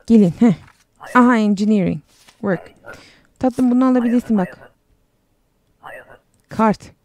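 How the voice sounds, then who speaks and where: A woman's voice: a little high, mellow. A young woman casually commenting on a game while she plays, chatty and sarcastic, reading the game text aloud as she goes. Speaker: game streamer.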